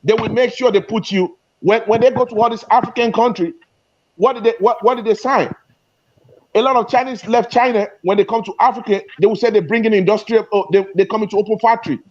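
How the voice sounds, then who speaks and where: A man with a notably high voice argues with passion, tripping over and repeating his words as he pushes his point. The audio is dull and lo-fi. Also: steady tone, fast talker. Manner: passionate, repeats and restarts phrases. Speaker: guest speaker in an online discussion. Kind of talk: heated debate.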